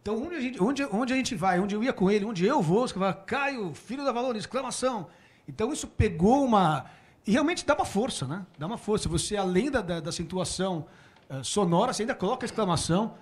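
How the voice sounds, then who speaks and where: Brazilian man in his forties, high and very lively voice, chatty talk-show guest telling stories. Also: quick pace. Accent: Brazilian Portuguese. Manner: animated, laughs often, quotes his father. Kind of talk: casual storytelling. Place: small room before a small audience.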